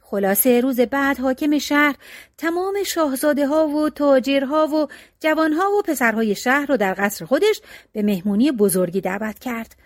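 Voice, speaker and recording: A woman storyteller reading a folk tale aloud in an expressive, lilting narration. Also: sits high, no room sound, studio quality.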